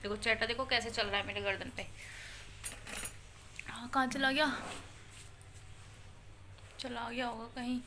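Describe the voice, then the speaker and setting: A woman's voice: fairly high pitch, little pitch movement, measured pace, long pauses, sharp tone. A woman in her thirties chatting casually to viewers as a home vlogger and mother, playful with her children. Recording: noisy home recording.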